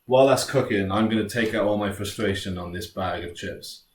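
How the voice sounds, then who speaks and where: A man's voice: lowish voice, a little fast. A British man presenting a recipe in a laid-back, jokey, chatty way, like a casual cooking tutorial. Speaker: home cook presenting a recipe. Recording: roomy, distant mic, faint noise.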